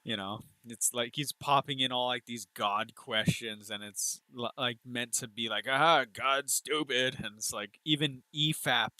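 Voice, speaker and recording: A man's voice: mid-range voice, normal speed, hardly any pauses, pushed and bright, no room sound. A man chatting casually during a film watch-along stream, rambling and laughing often as he mocks what he sees. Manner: rambling, laughs a lot, mocking voices. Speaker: stream co-host.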